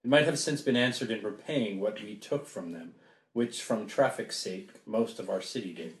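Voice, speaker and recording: A man voicing a wary, loyal sea captain in hiding in an amateur play reading, speaking low and hushed. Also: normal speed, lightly acted. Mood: guarded. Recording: echoey room.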